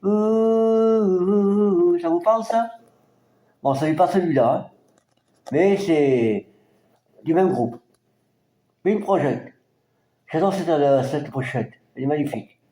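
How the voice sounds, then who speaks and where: A man from France casually presenting his record collection, halting and hesitant, with many fillers. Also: on the high side, animated, warm tone, roomy sound. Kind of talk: casual collection show-and-tell.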